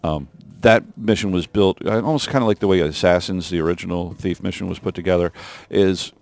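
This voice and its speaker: A man's voice: low voice, fairly quick, creaky, darkish tone. A man giving rambling developer commentary over gameplay of a mission he designed, with many fillers and restarts. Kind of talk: let's play developer commentary.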